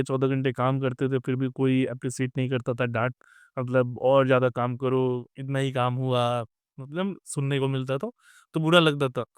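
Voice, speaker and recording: A man's voice: medium pitch, clean tone, no room sound, clean studio sound. A young man tells a casual story about life at sea and keeps dropping "theek hai" and "matlab" as he goes. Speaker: merchant navy officer sharing advice.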